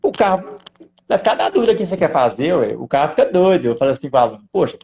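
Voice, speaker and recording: A man with a Brazilian Portuguese accent, a driving instructor talking in an animated, joking way. His voice is a touch high and has a gravelly edge. The sound is somewhat dull and lo-fi. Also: very fast. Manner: animated, jokey, reads viewer comments. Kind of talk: casual chat in a live stream.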